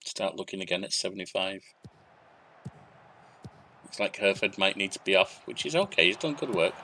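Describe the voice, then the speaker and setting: A man's voice: low voice, animated, normal speed, bright, forceful tone, slight background noise. A young adult man giving casual let's-play commentary, narrating match action in short bursts and thinking aloud. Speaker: gaming YouTuber.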